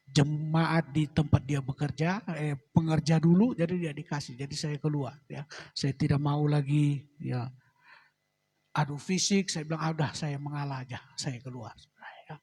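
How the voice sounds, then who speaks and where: Husky middle-aged male pastor testifying. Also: on the high side, steady tone, moderate pace. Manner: tags phrases with a soft trailing "saudara, ya". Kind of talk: sermon testimony. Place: church.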